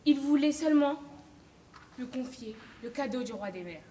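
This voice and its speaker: A woman on a theatre stage playing a young woman who gently tells a story to her friends. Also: high-pitched, animated, normal speed. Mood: calm. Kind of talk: stage play acting. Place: theatre stage, large hall. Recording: echoey hall, faint noise.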